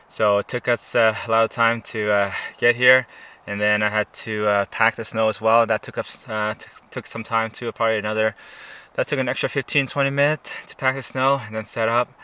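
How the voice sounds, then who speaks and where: Bright-voiced man, halting outdoor vlogger. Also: lowish voice, flat delivery, clear, resonant tone. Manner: halting, searching for words. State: cold, mouth stiff from the cold. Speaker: camping vlogger. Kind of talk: casual vlog chat to camera. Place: outdoors at a snowy mountain campsite.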